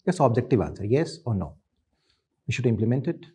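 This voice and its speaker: Male Indian interviewer, soft-edged dark timbre with some rasp, insistent and probing. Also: medium pitch, very animated, fairly quick. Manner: insistent, probing, repeats questions. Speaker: interview panellist. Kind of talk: interview questioning.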